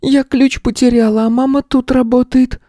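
A man's voice: extremely high pitch, level tone, normal speed, mellow, no room sound, clean studio sound, pitched above the performer's own voice. A man voicing a tearful, frightened girl of about seven, whimpering as she speaks. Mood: scared, tearful. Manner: whimpering, sobbing.

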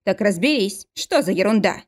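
A woman reading the part of an angry, domineering prince and husband, slow and stern in her demands. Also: mid-range voice, lively intonation, natural voice.

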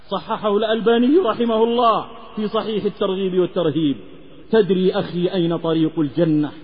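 A man from the Hijaz preaching a sermon in an impassioned, half-chanted delivery. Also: high voice. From Hijaz, Saudi Arabia. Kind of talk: Islamic sermon with a moral tale. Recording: lecture recording with long reverb, slightly dull.

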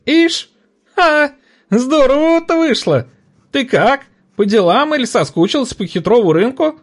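Man voicing a brash shrill market woman, squealing, very high, husky, audiobook. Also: sing-song, measured pace, heavily acted. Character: shrill loud middle-aged female market trader.

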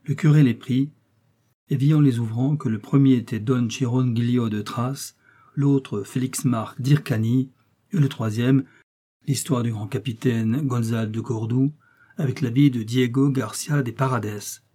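A male audiobook narrator with a dark, mellow and husky voice. He reads a classic novel steadily and without hurry. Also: mid-range voice, steady tone, unhurried. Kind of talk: scripted narration.

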